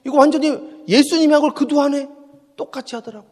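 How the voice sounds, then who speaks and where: Male pastor at dawn service, emphatic, repeats himself, quiet then shouting, big reverby hall. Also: extremely high pitch, fairly even intonation, fast. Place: church sanctuary.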